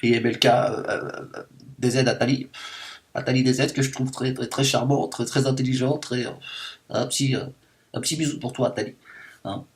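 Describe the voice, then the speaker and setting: A man performs a satirical monologue as a woman who calls herself liberated, ranting with mock indignation and no end of fillers. His mid-range voice is lightly acted, with fairly even intonation at a normal speed.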